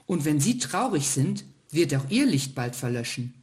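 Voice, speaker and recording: Casting: a woman playing a wise elder star in a storybook, low voice, patient and earnest. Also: sing-song, normal speed, darkish tone. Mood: gentle.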